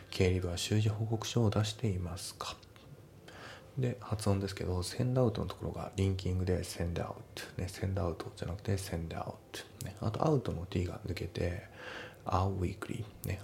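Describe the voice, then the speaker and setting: Low gravelly guy going over english test answers, laid back, faint hiss behind. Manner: relaxed, talks through each answer step by step. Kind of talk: casual explanatory lesson.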